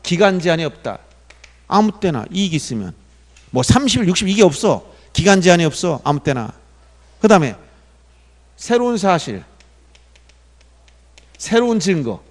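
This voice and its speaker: A man's voice: sits high, big pitch swings, moderate pace, long pauses. A man giving an exam-prep law lecture, asking the class questions and answering them himself with emphatic repetition. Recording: long reverb in a hall.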